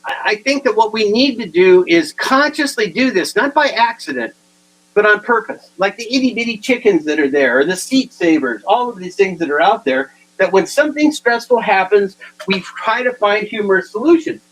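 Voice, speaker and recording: A man giving a humorous keynote talk, telling funny anecdotes in an animated way and chuckling at his own stories. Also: high-pitched, normal speed, low-quality recording. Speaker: humor speaker. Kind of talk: comic keynote storytelling.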